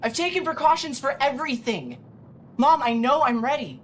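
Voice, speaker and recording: A woman's voice: sits high, very animated, moderate pace, a little hiss or hum. A woman playing a frustrated, insistent daughter in a naturalistic film drama, arguing her case to her mother. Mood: frustrated pleading.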